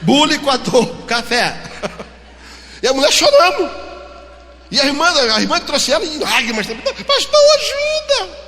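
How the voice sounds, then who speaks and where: A pastor with a Brazilian Portuguese accent preaches in a church, his very high-pitched voice at a moderate pace with long pauses. He tells stories in an animated way, acting out the dialogue, and a long church hall reverb hangs over the recording.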